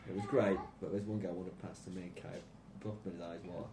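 A man's voice: sits low, fairly even intonation, quick pace. A man chatting casually as a player in a tabletop role-playing game. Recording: noisy home-style group recording.

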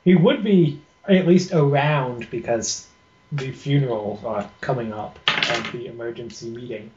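A man's voice: medium pitch, a little slow, recorded from a distance. A man narrating a tabletop roleplaying game as game master. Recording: roomy, noisy, muffled room recording.

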